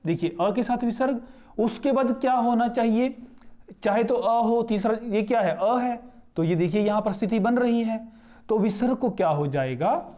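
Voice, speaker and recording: A man's voice: very high voice, normal speed, dark tone, muffled recording. A man teaching a grammar lesson, explaining step by step, asking his own questions and answering them, and spelling out words syllable by syllable. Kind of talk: classroom-style grammar lesson.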